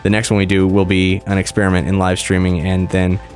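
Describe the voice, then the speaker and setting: Podcast host guy, kinda low voice, chatting casually, sore mouth that wont open wide, bit of music under. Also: completely flat delivery, brisk, darkish tone. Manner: restricted articulation from barely opening mouth. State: mouth sore after wisdom teeth removal.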